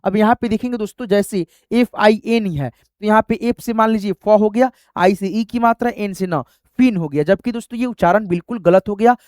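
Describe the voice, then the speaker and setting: A man's voice: high-pitched, brisk, hardly any pauses, darkish tone, dry recording, studio quality. A man teaching an online lesson, spelling English words letter by letter and quizzing viewers with repeated friendly fillers. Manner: repeats "doston" and "theek hai", quizzes the viewer.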